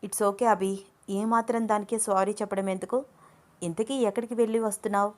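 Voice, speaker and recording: A woman voicing an excited, stylish young woman who talks to herself while waiting on a man. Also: medium pitch, brisk, lightly acted. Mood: eager.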